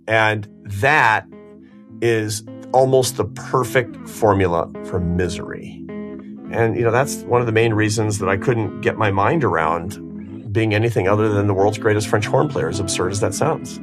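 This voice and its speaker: A man's voice: fairly low pitch, moderate pace, over music. A man in his fifties co-hosting a podcast, talking in a candid, wry and emphatic way. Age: 50s. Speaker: podcast co-host. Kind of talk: conversational podcast interview.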